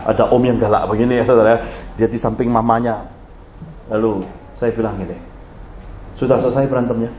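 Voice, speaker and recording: Speaking fairly quickly in a lowish voice, this middle-aged man delivers a sermon full of lively stories, frequently talking straight to the congregation as their pastor. There's slight background noise and the echo of a spacious church hall.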